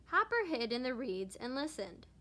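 A woman teacher reading a children's picture book aloud with expressive narration. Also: high-pitched, normal speed. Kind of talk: storybook read-aloud.

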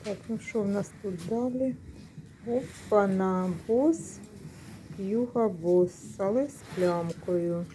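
A middle-aged woman talks slowly and patiently about secondhand clothes, vlog style. Her voice is mellow and relaxed. A faint hum sits behind her. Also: medium pitch. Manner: unhurried, explanatory, with fillers and self-corrections. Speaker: vlogger reviewing secondhand clothes. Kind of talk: casual vlog commentary. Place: secondhand shop, indoors.

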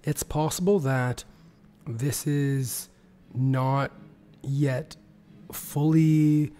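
A man who is sick with a sore throat and has nearly lost his voice, hoarse and strained and breaking into a whisper, giving casual gaming news commentary as the video's host. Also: medium pitch, fairly even intonation, a little slow, warm tone.

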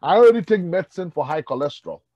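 A man's voice: a little high, lively intonation, rapid-fire, warm tone, dry recording, muffled recording, voice pushed up. A man voicing an exasperated male pizza customer in a joke, protesting in a raised, incredulous voice.

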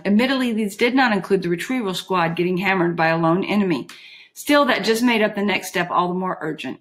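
A woman reading a fantasy novel aloud, steady and measured, her voice sitting a touch low. She moves through the story with even pacing and the odd slip. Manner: steady, measured, occasional slips. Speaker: audiobook narrator. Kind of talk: storybook narration.

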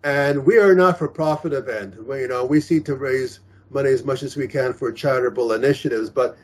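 A man's voice: mid-range voice, fairly quick, darkish tone. A man in his forties organizing singles events, talking in a casual video call with many restarts and fillers. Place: small room indoors. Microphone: laptop webcam on video call.

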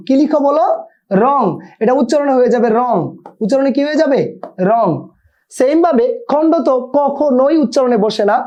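A man's voice: extremely high pitch, a little mellow. A male teacher gives an exam-prep lesson and keeps asking students to repeat words back to him. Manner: drills students with repeated call-and-response questions. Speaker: Bangla teacher. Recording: dull lo-fi recording.

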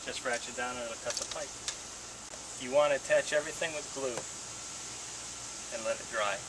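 Talking while he works, a middle-aged man calmly walks through wiring a solar setup one step at a time, first outdoors beside a house and then in a workshop indoors. His medium-pitched voice moves at normal speed, picked up by slightly distant camera audio with background noise and faint ambience.

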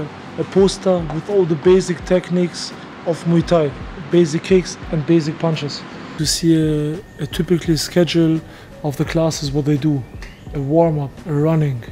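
A man hosting a casual travel vlog, narrating with enthusiasm and tossing in "boom" now and then. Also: warm tone. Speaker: vlog host. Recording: music clearly underneath.

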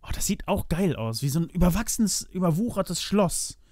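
A man's voice: sits high, sing-song, normal speed, darkish tone, no echo, clean studio sound. A young man casually commentating his building in a block game, thinking aloud and chatting to viewers as his friends. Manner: chatty, talks to viewers as "meine Freunde"; thinks aloud while building, frequent restarts and fillers. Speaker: let's play host.

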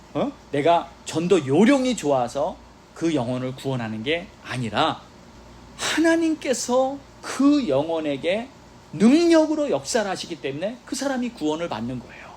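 A pastor with a somewhat high voice delivers a sermon in a church sanctuary at a moderate pace, over a slight hiss or hum. He tells animated stories full of exclamations and quoted dialogue, drawing responses from the congregation.

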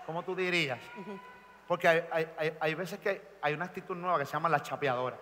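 A man with a Puerto Rican accent doing crude, shouted stand-up comedy on a large arena stage. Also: a little high, fairly even intonation, brisk, background noise. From Puerto Rico. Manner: loud, crude, often shouting. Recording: reverberant arena with loud music.

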